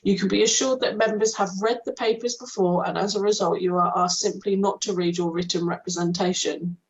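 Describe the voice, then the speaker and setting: Woman chairing a meeting on a video call, dull lo-fi audio, middling pitch, reads procedure with little ums. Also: fairly even intonation, fairly quick. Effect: heard over a video call. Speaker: committee chair.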